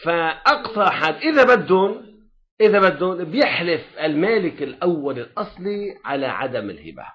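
Man, Lebanese Arabic accent, lively pitch, fairly high voice, teaching religious law, muffled lo-fi recording. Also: moderate pace. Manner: animated, keeps checking that students follow. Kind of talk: classroom lecture.

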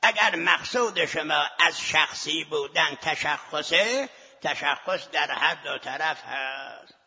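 This man's fairly high, sharp voice has a breathy edge. He is giving a scholarly lecture to seminary students, making his argument and posing rhetorical questions to them, captured in a lo-fi recording with long hall reverb.

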